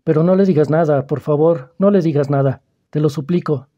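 A man's voice: a little high, a little fast, warm tone, dull audio, natural voice. A man reading the part of an anxious schoolboy who begs to keep his secret, in an audiobook. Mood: frightened, pleading. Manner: anxious, pleading.

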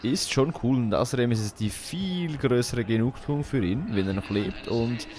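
A man's voice: mid-range voice, expressive, normal speed, a little mellow, slight background noise. A man hosting a let's play, thinking aloud in colloquial, casual game commentary.

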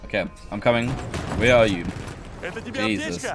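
A man co-hosting a gaming video, excitably bantering and swearing through a shooter match on a headset. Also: on the low side, normal speed, over music. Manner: excitable, swearing, self-mocking. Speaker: gaming channel co-host. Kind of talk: casual gameplay banter. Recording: game gunfire noise behind voice.

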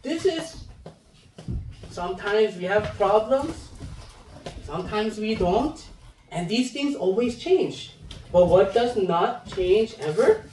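A man's voice: high voice, lively intonation, slow pace, pauses often, darkish tone, a little hiss or hum. A man in his thirties, an assistant pastor, preaching to young people in front of a chalkboard, speaking into a handheld microphone and acting out children's moods with playful voices. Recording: roomy echo, mic heard from a distance.

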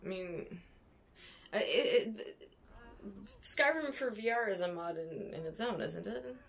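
A woman's voice: medium pitch, lively intonation, unhurried, creaky. Young woman in casual gaming chat. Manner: conversational, laughs easily. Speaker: streamer's co-player. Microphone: binaural recorder, standing in VR headset.

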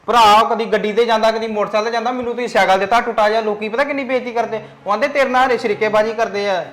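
A man playing a spoiled, demanding younger son in his late teens, whining fast in a home-made family skit. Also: high-pitched, fairly even intonation, fairly bright tone. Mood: petulant. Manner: whiny, demanding, fast-talking. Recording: echoey room, faint music.

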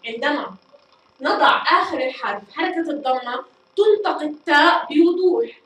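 Lady teacher, high voice, slow careful explaining, very echoey room, sounds far from the mic. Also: a little hiss or hum. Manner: slow, deliberate explaining, repeats and stretches words; addresses pupils warmly, praises them. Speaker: fifth-grade Arabic teacher. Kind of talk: recorded classroom lesson. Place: echoey school studio room.

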